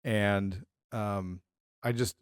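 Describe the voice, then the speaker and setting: A man's voice: fairly low pitch, drawn-out words, clean tone, dry recording, studio quality. A middle-aged man co-hosting a podcast, telling rambling stories in casual chat and acting out the people in them. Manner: rambling storyteller, animated retellings. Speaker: podcast co-host.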